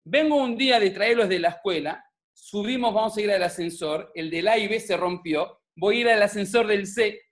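At normal speed and with a voice that sits high, a joking Argentine man tells a story in Rioplatense Spanish. It's a humorous religious talk filmed on camera at home, animated and peppered with asides to the audience.

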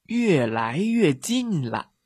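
A man voicing an excitable male rabbit who reads eagerly from his book in a children's story. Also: a little high, slow, husky, no room sound, clean studio sound, pitched above the performer's own voice, heavily acted. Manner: reads loudly and dramatically from his book, drops to a whisper when hushed.

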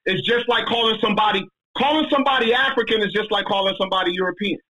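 A man holds forth in a casual discussion, emphatic and slangy, his voice pitched high and bright. The tone is husky, and he speaks with lively conviction. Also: very fast, muffled recording. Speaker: speaker answering a question.

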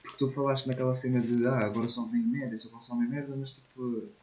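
Young portuguese guy, european portuguese accent, casual podcast chat, lots of slang and swearing, mid pitch. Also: little pitch movement, fast, a little mellow, rough recording. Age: 20s. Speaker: podcast co-host.

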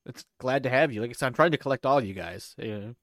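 A man's voice: medium pitch, quick pace, fairly bright tone. A man hosting a podcast in laid-back casual chat, swearing now and then. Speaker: podcast host.

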